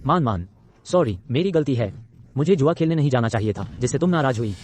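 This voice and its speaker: A man's voice: mid-range voice, lively intonation, brisk, darkish tone, slight background noise, natural voice. A man playing a sneering thug ex-lover. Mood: pleading. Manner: sneering, menacing. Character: arrogant male ex-lover turned thug boss. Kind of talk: Hindi drama dub. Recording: music bed under dialogue.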